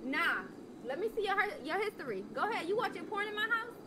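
Woman playing a shrill, fast-talking nagging mom. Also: big pitch swings, noisy background. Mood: angry, accusing. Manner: nagging, repetitive scolding. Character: nagging, foul-mouthed mother scolding her teenage son. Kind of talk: improvised game role-play.

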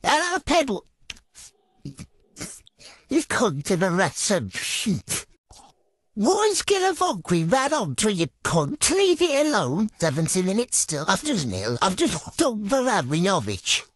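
Using a pitch-altering trickster voice filter, a British man commentates on his own football gaming, swearing and sounding exasperated. The pitch swoops wildly, the pace is unhurried, and the studio-quality sound has no echo.

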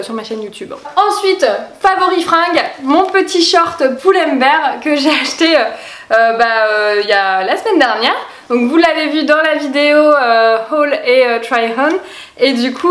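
A woman's voice: sits high, echoey room. A young woman vlogger chatting casually about her monthly favorites at home, with lots of fillers and easy laughs. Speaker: lifestyle vlogger. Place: home room with plants.

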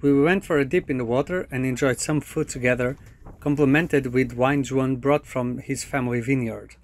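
A man in his thirties narrating a sailing travel vlog in a relaxed, matter-of-fact voice-over. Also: medium pitch, moderate pace. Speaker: sailing vlogger.

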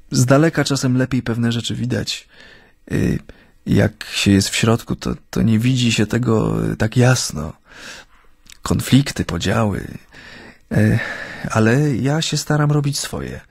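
In a dry, studio-quality radio drama recording, an actor with a mid-range, dark, husky voice and vocal fry plays an ailing middle-aged Japanese man living in Poland. The character is courteous and reflective, and the heavily acted yet naturalistic performance is halting and hesitant, as if he's searching for words.

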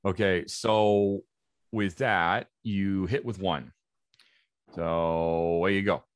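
A man narrating as game master of a tabletop game over a video call, unhurried with fillers. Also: low-pitched, steady tone, no echo, studio quality.

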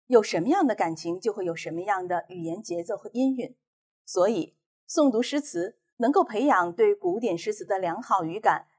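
Female teacher from China, recorded class lecture, measured and clear, lively pitch, a bit husky. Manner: clear, measured explanation of reading techniques.

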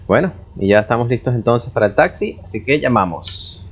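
A man's voice: mid-range voice, brisk, slightly rough. A man, a native Spanish speaker, giving a casual flight simulator tutorial as host and pilot, explaining and making radio calls. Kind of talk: casual screen-recorded tutorial narration. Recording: muffled, noisy, steady vehicle-like drone.

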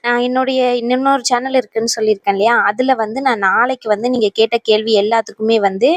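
A high-voiced woman hosts her cartoon channel in a chatty, apologetic way. Her voice sits close and dry, with no room sound around it. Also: fairly even intonation, fast talker, dry recording. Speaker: channel host. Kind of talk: casual chat.

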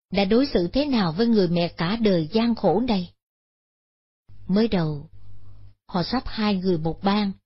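A woman, narrating a Buddhist moral story in a measured, solemn way. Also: mid-range voice, slightly rough. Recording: dull lo-fi sound.

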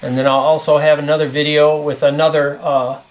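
A man giving a casual hands-on demonstration at a workshop bench, explaining how a fixture works in a relaxed, plain-spoken way with plenty of fillers. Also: fairly high pitch, brisk. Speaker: product demonstrator. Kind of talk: casual hands-on product demo.

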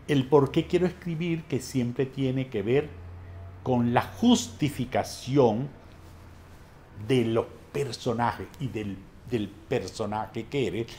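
Middle-aged drama teacher, unhurried and deliberate, lowish voice, punches new ideas. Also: male voice, a little mellow, slight background noise. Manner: measured, explanatory, stresses new points with rising emphasis. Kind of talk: master class lecture.

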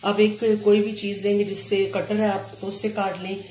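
A woman explaining a home cooking recipe step by step, pausing often as she works in a kitchen. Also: mid-range voice. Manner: calm step-by-step explaining with frequent hesitations. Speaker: cooking channel host. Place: home kitchen counter, indoors. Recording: echoey room with faint ambient noise.

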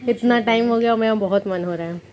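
A woman's voice: on the high side, quick pace, lo-fi sound, background noise. A young woman filming a casual family vlog at home, chatting and teasing her brother, sometimes outdoors on the rooftop. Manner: chatty, teasing, calls out often. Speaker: vlogger.

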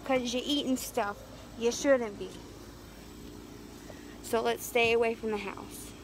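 A woman's voice: fairly high pitch, steady tone, takes it slowly, slight background noise. An American woman vlogging casually at home with a handheld phone, talking about her dog and scolding it now and then. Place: inside a house. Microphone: handheld phone camera.

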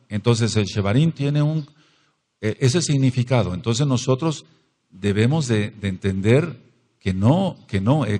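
A man with a Mexican Spanish accent preaching emphatically to a congregation. He repeats his phrases and keeps asking the room questions. His voice sits at a middle pitch and carries a long hall reverb. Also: darkish tone. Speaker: pastor. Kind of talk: sermon.

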